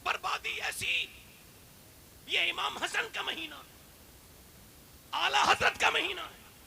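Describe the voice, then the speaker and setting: High, gravelly-voiced male preacher. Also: slight background noise. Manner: swings from hushed storytelling to loud shouted exhortation; rhetorical questions to the audience. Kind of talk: impassioned religious sermon.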